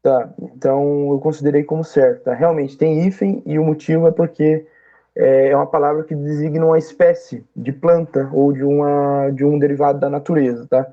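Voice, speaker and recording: A man's voice: a little high, fairly even intonation, normal speed, highs cut off. A man acting as an oral exam examiner, giving patient, explanatory feedback and checking often that he is understood.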